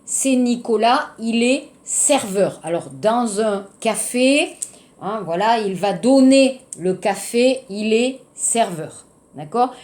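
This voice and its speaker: A woman teaching a French lesson to Korean learners, explaining slowly and adding Korean translations. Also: fairly high pitch, lively intonation, a little mellow. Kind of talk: classroom lesson.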